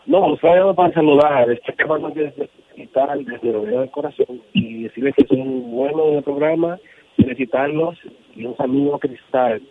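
Male phone-in caller, slightly high voice, thin phone-line sound. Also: expressive, normal speed.

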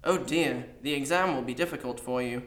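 A man voicing a sharp, evasive young woman who talks down to her captive. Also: mid-range voice, a little fast, roomy sound, natural voice. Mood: curt. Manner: curt and condescending.

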